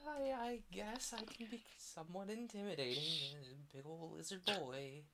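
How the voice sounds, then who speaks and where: A woman's voice: medium pitch, moderate pace, background noise. A woman playing a tabletop role-playing game, chatting casually in a hesitant, self-deprecating way.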